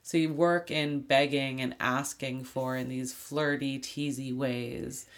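Slow, tired podcast host. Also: medium pitch, steady tone. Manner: frank, explains by acting out short examples. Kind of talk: casual podcast discussion.

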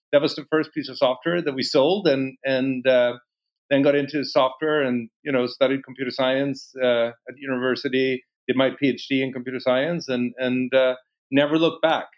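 A man in his fifties from Sweden, answering interview questions in a relaxed way with many pauses. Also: medium pitch, low-quality recording. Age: 50s. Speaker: guest.

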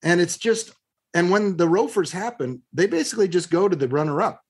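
A middle-aged man in an interview, telling blunt, animated stories and acting out both sides of an argument. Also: high voice, fast talker, breathy edge. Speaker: guest, real estate investor. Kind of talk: conversational interview storytelling.

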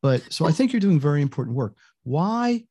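A man's voice: a little high, sing-song, brisk, mellow, husky, dry recording, clean studio sound. A man hosting an interview, rambling with frequent fillers and restarts. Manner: rambling, hesitant, many fillers. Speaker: host. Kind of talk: casual interview talk.

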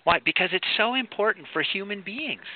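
A man's voice: medium pitch, animated, brisk. A man speaking earnestly and emphatically in a conversational talk, like a coach. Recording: tinny phone-like audio with faint noise.

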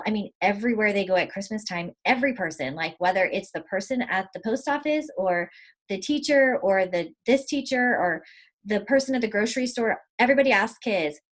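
A woman, talking casually as a guest, animated and laughing often as she acts out quotes. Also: medium pitch. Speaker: podcast guest. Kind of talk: casual conversation.

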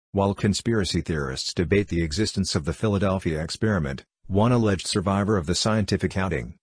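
A man's voice: deep voice, breathy edge, dry recording. A man narrating a scripted story as a video host, with a wry, tongue-in-cheek delivery.

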